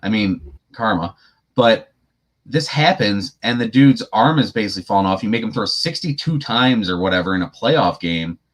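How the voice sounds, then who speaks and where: A man co-hosting a sports podcast, chatting casually and giving opinionated, animated takes. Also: on the low side, normal speed. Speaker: podcast co-host.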